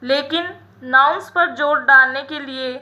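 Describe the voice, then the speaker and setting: A woman teaching English grammar in a lesson, explaining each example slowly and repeating the rule. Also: high-pitched, bright, forceful tone. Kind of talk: classroom-style grammar lesson.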